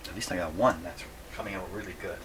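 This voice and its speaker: A low-voiced man talks fast while hosting a radio repair hobby video, giving casual, folksy commentary at his workbench and musing aloud to himself. The recording is very noisy.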